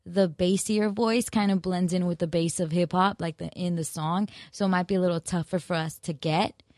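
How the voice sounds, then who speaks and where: Low, gravelly-voiced woman podcasting casually. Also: no room sound, clean studio sound. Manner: rambling, musing and self-correcting; relaxed and unhurried. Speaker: podcast host. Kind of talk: casual solo podcast chat.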